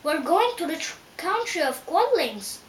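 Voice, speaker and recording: A woman's voice: very high-pitched, very animated, a little slow, pitched above the performer's own voice, exaggerated voice. A woman reading aloud and voicing a brave, polite male scarecrow who speaks in a firm, earnest way. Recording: roomy, distant, faint hiss.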